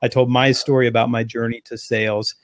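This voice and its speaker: A man, a guest on an interview, telling an animated anecdote in long run-on phrases. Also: medium pitch, brisk, dry recording. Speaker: interview guest, sales speaker. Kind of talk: conversational storytelling.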